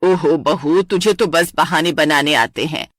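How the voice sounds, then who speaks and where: A woman playing a stern middle-aged mother-in-law in a cartoon story. Her voice sits lower and she scolds in a commanding, nagging tone. The recording is dry. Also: unhurried, dry recording. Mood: scolding. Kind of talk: animated story voice acting.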